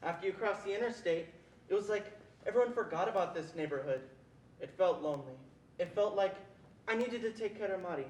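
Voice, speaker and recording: In a readers theatre piece, a student takes the part of a protective older brother, solemnly remembering his early years. The mid-range voice is brisk, a little mellow, and close to everyday speech. Faint noise and echo fill the room.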